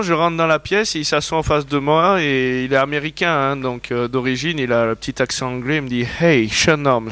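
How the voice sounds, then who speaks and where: A man's voice: on the high side, fairly bright tone, no room sound. A man preaching a sermon, telling personal stories in a conversational way and often asking the congregation whether they agree. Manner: storytelling, conversational, asks the audience questions.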